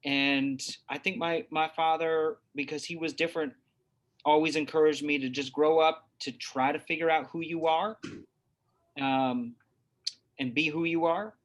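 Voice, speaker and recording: A man's voice: a little high, fairly even intonation, unhurried, dull audio. A man from New Hampshire speaking as an interview guest, searching for his words with frequent restarts. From New Hampshire, USA. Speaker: guest, father. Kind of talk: reflective interview talk.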